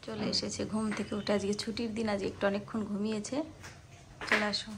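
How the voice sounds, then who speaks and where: A woman's voice: medium pitch, little pitch movement, brisk, heavy background noise. A middle-aged woman, chatting casually to viewers while she cooks in her kitchen. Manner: chatty, talks to viewers directly. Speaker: vlogger. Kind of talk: casual home vlog narration. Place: home kitchen.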